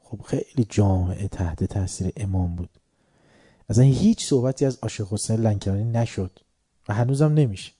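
A man telling a historical anecdote in a lively religious talk, chuckling now and then. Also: lowish voice, slightly rough, dry recording, studio quality.

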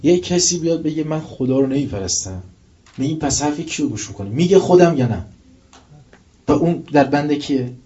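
A male preacher giving a religious lecture, telling stories with rising intensity and reciting verses slowly. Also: on the high side, lively intonation, dark tone. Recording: dull lo-fi recording.

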